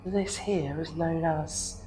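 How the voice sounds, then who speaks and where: A hoarse woman co-investigator giving a slow, halting on-location walkthrough of a site. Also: sits low, steady tone, low-quality recording. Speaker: paranormal co-investigator.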